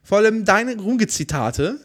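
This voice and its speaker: A man's voice: sits high, animated, normal speed, fairly bright tone. A man co-hosting a casual chat, joking and reacting with quips. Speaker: podcast co-host.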